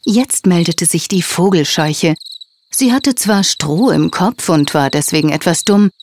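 A woman narrating a children's story in a gentle, expressive way. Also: lowish voice, a little slow, slight background noise.

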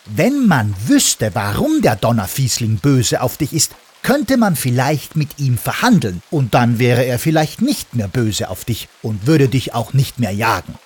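Small girl in a storybook, hesitant and stammering, lively pitch; male narrator voices her. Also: a little slow, few pauses, slightly rough. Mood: earnest. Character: timid but brave little girl.

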